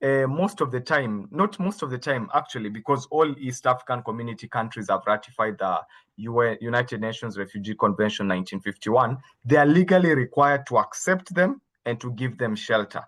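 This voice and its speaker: A man from Kenya gives a patient expert talk over a video call. His voice sits in a middle pitch and he explains step by step, now and then restarting a phrase. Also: brisk, a bit bright. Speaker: guest expert. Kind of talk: explaining to a workshop audience.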